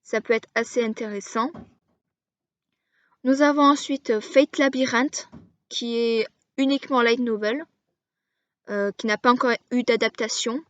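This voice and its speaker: Woman, anime explainer, casual to camera, hesitant, unhurried, dry muffled sound. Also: fairly high pitch, steady tone, fairly bright tone, no room sound. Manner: halting, frequent hesitations while listing titles. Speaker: anime video creator. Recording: dull lo-fi dry recording.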